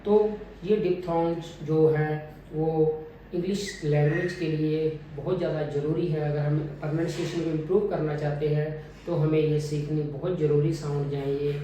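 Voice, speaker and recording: A man teaching a phonetics lesson, deliberately modelling each vowel sound over and over. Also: on the high side, fairly even intonation, mellow, a little hiss or hum. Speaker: English pronunciation teacher. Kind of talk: phonetics lesson with drilled repetitions. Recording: very echoey room, mic at a distance.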